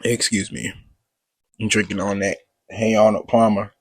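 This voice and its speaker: A man's voice: lowish voice, little pitch movement, normal speed, husky, dry recording. Casual man reacting, dry close sound. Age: adult past early twenties. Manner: slangy, amused. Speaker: reaction host.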